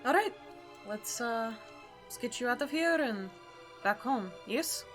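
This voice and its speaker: Female tabletop player, high voice, unhurried, joking and expressive, faint music behind. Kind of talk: casual chat, playful role-playing.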